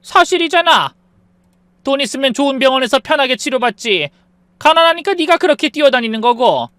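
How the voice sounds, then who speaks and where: A woman's voice: sits high, expressive, a little fast, fairly bright tone, dry recording, voice pushed up. Woman voicing a scolding older mother-in-law. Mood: scornful. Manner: scolding, contemptuous. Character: domineering older mother-in-law, scornful and shrill.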